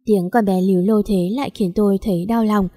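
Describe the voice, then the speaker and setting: A woman reading a first-person story aloud in a calm, even storytelling manner. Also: mid-range voice, a little fast, dry recording, clean studio sound. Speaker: story narrator. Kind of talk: scripted story narration.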